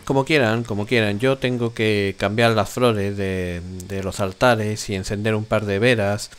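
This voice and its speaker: A man's voice: on the low side, fairly even intonation, measured pace, smooth, lightly acted. A man voicing a kindly, humble priest in a tabletop game, with a Castilian accent and a courteous, hesitant manner. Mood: obliging. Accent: Castilian Spanish. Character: kindly, humble, talkative male church priest. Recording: faint noise on voice chat.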